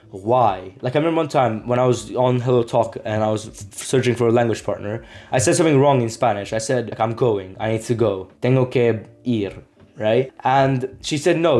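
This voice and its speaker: A young man who makes language-learning videos talks straight to camera in a casual explainer vlog. He's earnest and repetitive, leaning on "like" and "right?" in a mid-range, slightly mellow voice.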